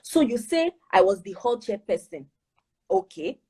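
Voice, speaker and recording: A Nigerian woman gives admissions advice in an online talk. Her voice sits slightly high and has a husky edge. She speaks emphatically and keeps asking her listeners rhetorical questions. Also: big pitch swings, unhurried, a little mellow.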